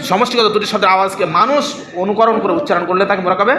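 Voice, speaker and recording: A man's voice: high voice, steady tone, very fast, echoey room, a crowd in the background. A man teaching Arabic grammar in a classroom lesson, repeating points, mimicking sounds and checking that his students follow. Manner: repetitive, checks students' understanding.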